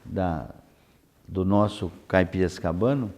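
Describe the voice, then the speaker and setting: A man São hosting an unscripted conversational interview, haltingly repeating words as he searches for phrasing. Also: low-pitched, darkish tone. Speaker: interview host.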